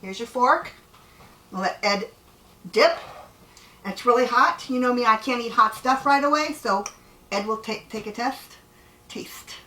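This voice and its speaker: Cooking in her home kitchen, a woman hosts a show in a chatty, friendly way, playfully teasing her partner. She speaks unhurriedly with frequent pauses, in a high-leaning, pushed, bright voice, recorded from a distant mic in an echoey room.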